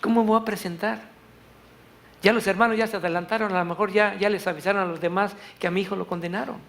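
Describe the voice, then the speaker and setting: A man voicing a grieving father, a pastor, speaking in a soft, hushed prayer. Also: sits high, fairly even intonation, fast talker, vocal fry, voice pushed up.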